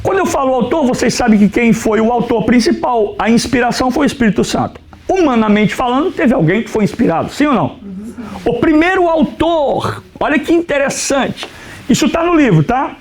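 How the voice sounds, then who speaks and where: High, lively Brazilian-class pastor teacher. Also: male voice, fairly quick. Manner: animated teacher who asks questions and answers them himself; keeps telling students to write things down. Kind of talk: classroom lecture on the Old Testament.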